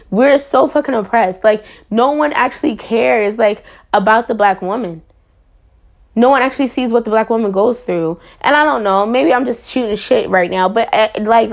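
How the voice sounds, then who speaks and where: A woman's voice: fairly high pitch, vocal fry, lo-fi sound. Impassioned, blunt young woman venting. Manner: impassioned, blunt, swears freely. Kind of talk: candid personal monologue.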